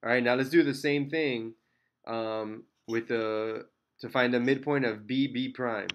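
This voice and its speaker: A male math teacher explains each step of a problem at an even middle pitch. He talks plainly and checks in often with the class. Now and then he slips in a self-mocking aside. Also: measured pace, a little hiss or hum. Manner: steady step-by-step explaining, frequent "okay?" and "all right?" checks; light self-deprecating asides. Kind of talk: recorded math lesson.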